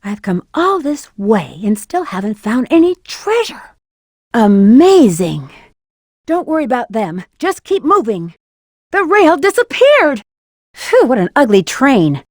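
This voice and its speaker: Rouge the Bat, very high-voiced sassy game heroine. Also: female voice, sing-song, a little slow, dry recording, studio quality, heavily acted. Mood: cool, musing. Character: flirty, cool-headed female bat treasure hunter, adult. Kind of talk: video game voice acting, short in-game hints and callouts.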